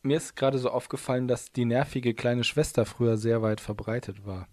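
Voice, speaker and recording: A man's voice: medium pitch, steady tone, fairly quick, darkish tone, no room sound. A man co-hosting a casual chat, reading facts aloud in a playful, giggly way and stumbling over words. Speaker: podcast co-host.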